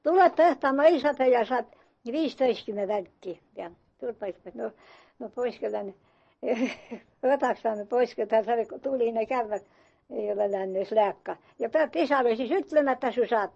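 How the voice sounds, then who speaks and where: An older woman reminiscing in dialect, halting and rambling with many restarts, and putting on voices for the people in her story. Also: fairly high pitch, gravelly, warm tone, slightly rough, dull audio. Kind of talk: oral-history reminiscence in dialect.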